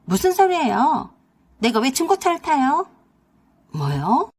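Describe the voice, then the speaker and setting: A woman voicing a spoiled, greedy young sister-in-law in a storybook radio drama, talking high, loud and pushy. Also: sing-song, normal speed, slightly rough, full character voice. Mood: wheedling.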